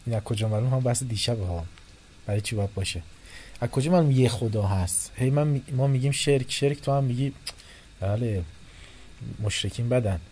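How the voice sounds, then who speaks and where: A man giving a religious philosophy lecture to a class, animated, moving between soft and loud and acting out the people he quotes. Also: mid-range voice, breathy edge. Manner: animated, shifting loudness, quotes and acts out people.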